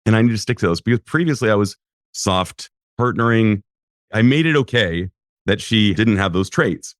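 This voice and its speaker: A man hosting a podcast, reflecting in a measured way and asking his guest questions. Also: fairly low pitch, animated, no room sound, studio quality. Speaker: podcast host, psychologist. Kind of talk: casual interview chat.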